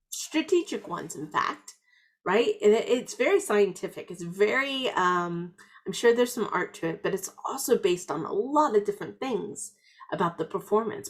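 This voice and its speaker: A middle-aged woman business coach giving an earnest, encouraging motivational talk, with warm asides. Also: medium pitch.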